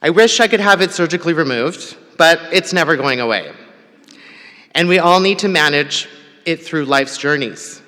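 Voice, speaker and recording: A man's voice: on the high side, lively intonation, moderate pace, sharp tone. A man born in Tanzania giving a candid, personal convocation speech with light humor. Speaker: convocation speaker. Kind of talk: prepared ceremony speech. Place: large hall. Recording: long hall reverb.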